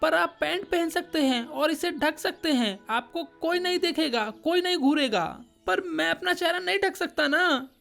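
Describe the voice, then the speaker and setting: A woman's voice: very high voice, normal speed, vocal fry, few pauses, fairly bright tone, faint music behind, heavily acted. A woman voicing a shy, bitter fourteen-year-old boy who talks defensively and sounds hurt. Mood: wounded. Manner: defensive, wounded, insistent.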